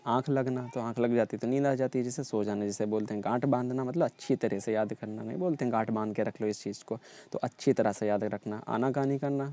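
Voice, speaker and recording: Mellow-voiced exam-prep teacher. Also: male voice, mid-range voice. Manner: repetitive drilling, frequent "ठीक है" check-ins.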